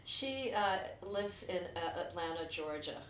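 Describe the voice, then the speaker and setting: This New Jersey filmmaker, an American woman, chats reflectively and candidly about her own life. Her voice is fairly low and a bit bright, with lively intonation and a measured pace, heard through a distant mic with roomy echo and faint noise.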